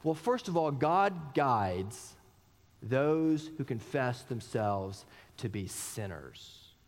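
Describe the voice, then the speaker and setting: A man's voice: mid-range voice, very animated, slow. A man in his thirties preaching a sermon as pastor, earnest and personal, asking many rhetorical questions. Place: church sanctuary. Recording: long church hall reverb.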